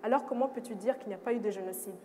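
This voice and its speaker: A woman's voice: medium pitch, very fast, mellow. Young woman panelist, earnest testimony, code-switching, hall reverb. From Rwanda. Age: young adult. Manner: earnest, switches between French and English, frequent restarts. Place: event hall. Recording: long reverb of a hall, faint noise.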